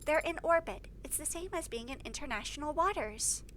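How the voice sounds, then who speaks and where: A woman's voice: high-pitched, lively intonation, brisk, fairly bright tone, a little hiss or hum, voice pushed up. A woman voicing a pedantic middle-aged father who explains a movie plot in detail. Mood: explaining.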